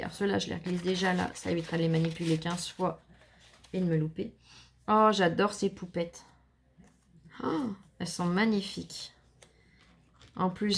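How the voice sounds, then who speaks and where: A woman vlogger chatting casually to viewers while opening a scrapbooking parcel, gushing and enthusiastic with a slightly gravelly voice. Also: fairly low pitch, a little hiss or hum. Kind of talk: casual unboxing chat to viewers.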